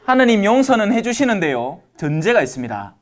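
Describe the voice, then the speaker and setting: Lively joking priest. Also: male voice, sits high, brisk. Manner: lively, joking, asks the audience questions. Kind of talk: lecture sermon to elderly parishioners.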